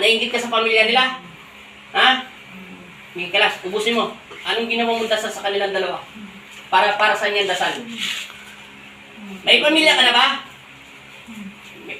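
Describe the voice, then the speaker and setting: A man's voice: extremely high pitch, sharp tone, a little hiss or hum. A man working as a folk healer who scolds and interrogates during a healing ritual, barking repeated commands. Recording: echoey room from far off.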